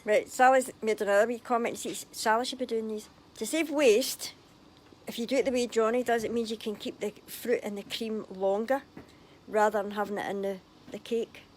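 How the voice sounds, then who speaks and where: A woman's voice: a little high, fairly even intonation, normal speed, darkish tone, a little hiss or hum. A Scottish woman presenting from behind the camera, cheerfully chatting and reading out viewer comments. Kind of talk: casual chat on a cooking livestream. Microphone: phone held by the speaker.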